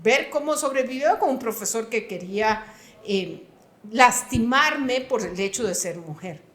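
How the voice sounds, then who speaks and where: A retired computing professor in her sixties from Costa Rica answers interview questions earnestly and emphatically, with a Costa Rican Spanish accent. Her voice is on the high side and fairly bright, animated but unhurried. The room is echoey.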